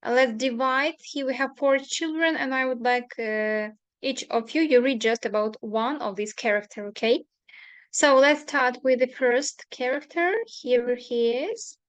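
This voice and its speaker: A woman teaching an English class online, speaking slowly and hesitantly with many fillers. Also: on the high side, dry recording. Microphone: computer mic on video call.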